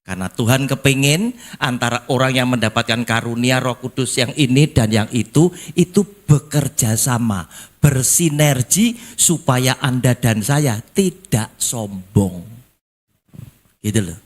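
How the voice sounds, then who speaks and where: Older male pastor, East Javanese accent, animated folksy sermon delivery with sharp jumps from hushed to high and loud. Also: unhurried. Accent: East Javanese (Surabaya). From East Java, Indonesia. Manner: animated preaching, swinging from low quiet lines to sudden high emphatic calls; folksy, slipping into local Javanese phrases.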